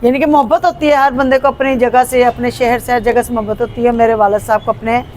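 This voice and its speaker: A Pakistani woman with a Punjabi accent, answering interview questions casually, with hesitant pauses and restarts. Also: on the high side, steady tone, darkish tone, a little hiss or hum. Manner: hesitant, with frequent fillers and restarts. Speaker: interview guest.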